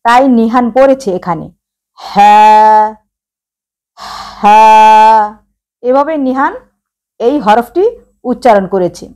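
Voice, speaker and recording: A woman's voice: a little high, animated, moderate pace, darkish tone. A woman teaching Quran reading, addressing viewers directly and sounding out letters one by one. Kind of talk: slow instructional explanation.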